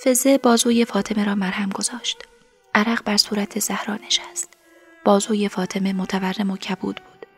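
A woman narrating a story in the first person, softly and emotionally, in a breathy, whispery voice. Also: mid-range voice, flat delivery, soft background music. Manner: soft, emotional, tearful storytelling.

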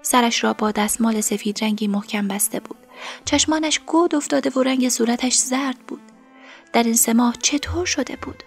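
A woman narrating a story in the first person, softly and emotionally, in a breathy, whispery voice. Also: fairly high pitch, soft background music. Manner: soft, emotional, tearful storytelling.

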